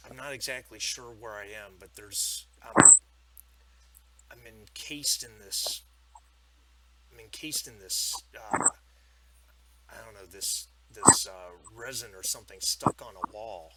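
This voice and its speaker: A man game master voicing a male colonel who is stuck in a hive. He speaks in a hushed whisper and talks in halting, urgent bursts. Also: on the low side, poor audio. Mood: anxious.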